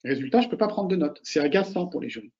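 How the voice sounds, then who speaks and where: A man talks quickly in a fairly high, dark and mellow voice, coaching students for an oral exam. He is animated and casual, hammers home his main points and speaks straight to the listener. The recording is dull and lo-fi. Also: slight background noise. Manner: animated, repeats key points, addresses listeners directly. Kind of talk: casual advice talk to students.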